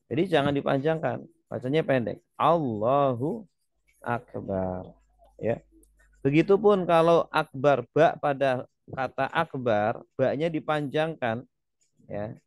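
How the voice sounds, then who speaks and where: A man's voice: medium pitch, expressive, unhurried, creaky, dry recording. A man teaching Quran reading in a webinar. He tags his points with "ya" and stretches out the Arabic words he recites as examples.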